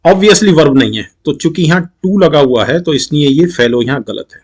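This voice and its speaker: Indian man teaching English grammar, slightly high voice. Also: lively intonation, darkish tone. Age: middle-aged. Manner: mixes Hindi and English, reads English sentences slowly and deliberately. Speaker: exam-prep English teacher. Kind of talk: explaining grammar questions in a video lesson.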